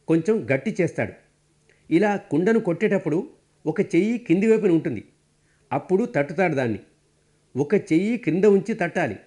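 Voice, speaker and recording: A man giving a spiritual discourse as a meditation teacher, earnest and measured, teaching through parables. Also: high voice, a little mellow.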